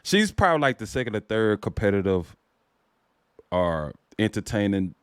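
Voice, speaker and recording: A man's voice: lowish voice, sing-song, normal speed, clean tone, no room sound. A man chatting casually as an interviewer, asking questions and sharing his own habits. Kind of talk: casual chat.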